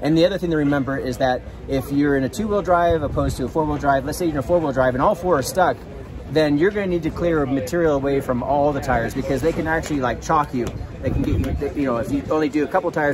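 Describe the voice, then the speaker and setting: At an outdoor expo booth, a product rep in his thirties talks fast in a mid-range voice while demonstrating a product with his hands, explaining eagerly and with plenty of enthusiasm. The sound comes from a camera mic a few feet off, and a crowd can be heard behind him.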